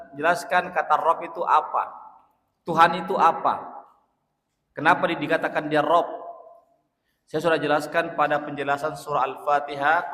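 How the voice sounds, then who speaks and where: A man preaching at a mosque study circle, explaining a prayer slowly, often addressing the listeners with "ya" and "Pak" and chanting Arabic phrases. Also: on the high side, bright, forceful tone. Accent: Indonesian. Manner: slow, drawn-out explaining with repeated "ya" and "Pak" to the congregation. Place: mosque hall. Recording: roomy hall reverb.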